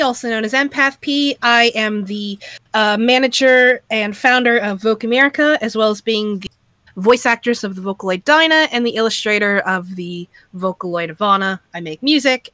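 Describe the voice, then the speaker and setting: Female co-host, crisp bright higher voice, friendly casual chat, close dry sound. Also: moderate pace, no echo. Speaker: podcast co-host, voice actress.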